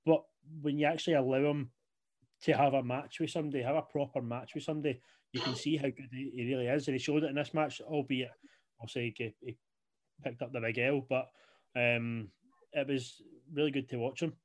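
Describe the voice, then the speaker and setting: In a fairly quick, mid-range voice with fairly even intonation, a young man rambles casually as co-host of a wrestling podcast. "You know" turns up often as a filler in his easygoing chat.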